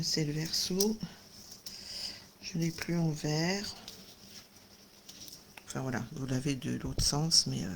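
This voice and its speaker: A chatty woman with a slightly low voice shows off her craft supplies at her desk, full of little fillers and bursts of delight. The home recording has clear background noise. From France. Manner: chatty, enthusiastic, many fillers and little exclamations. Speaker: craft video host. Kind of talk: casual live unboxing chat.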